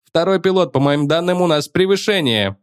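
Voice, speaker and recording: Man playing a spaceship captain, short sharp orders, kinda raised voice, dry booth sound. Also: on the high side, moderate pace, clean tone, no room sound, pitched above the performer's own voice, close to an everyday voice. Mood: commanding. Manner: clipped orders, forced calm. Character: calm commanding male rocket pilot. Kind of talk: audiobook character voice.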